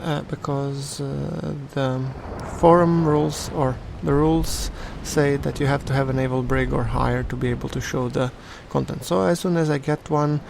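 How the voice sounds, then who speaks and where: A man giving casual video game commentary in a halting, hesitant way, as the host of a channel. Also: medium pitch, steady tone, gravelly, noisy background.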